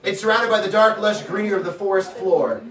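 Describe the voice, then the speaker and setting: A woman reads stage directions theatrically for a comic script, speaking a little fast in a mid-range voice and slipping into playful asides. A distant camera mic captures her in an echoey room with a crowd present.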